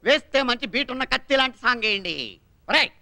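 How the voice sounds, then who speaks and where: A blustering, bossy college head in a film comedy. He barks out orders in a very high, bright voice at a rapid clip. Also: exaggerated voice. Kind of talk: comic film acting.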